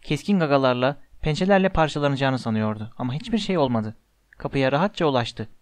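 A man reading a storybook aloud in a measured, steady way, close to the mic. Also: mid-range voice, no room sound. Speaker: audiobook narrator. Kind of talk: storybook narration.

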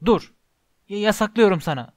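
A man's voice: high-pitched, lively intonation, normal speed, no echo, studio quality, voice pushed up. A man reading an audiobook voices a pompous middle-aged uncle who gives stern, flustered commands. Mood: blustering.

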